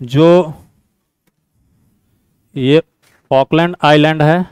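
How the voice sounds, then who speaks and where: A man's voice: a little high, steady tone, very slow, darkish tone, clear, resonant tone, no echo. A man teaching an exam-prep class, explaining points over and over and quizzing his students. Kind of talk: classroom lecture mixing Hindi and English.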